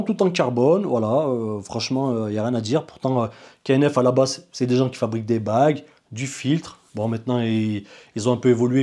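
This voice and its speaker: Man, casual gear review vlog, chatty, informal, mellow tone, slightly raspy. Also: mid-range voice. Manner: chatty, informal, addresses viewer as buddy. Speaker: video maker reviewing gear.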